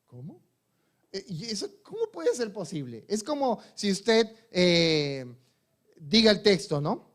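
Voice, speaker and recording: A high-pitched male pastor delivers a sermon with big swings in pitch, shifting from soft, unhurried passages to booming, emphatic ones. He puts questions to his congregation and supplies the answers himself.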